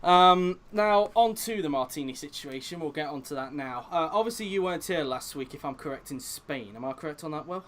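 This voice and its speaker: A man's voice: on the high side, animated, fairly quick, few pauses, a bit bright. Man hosting a casual press conference. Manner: reads out chat questions, hesitant fillers. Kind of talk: casual online league chat.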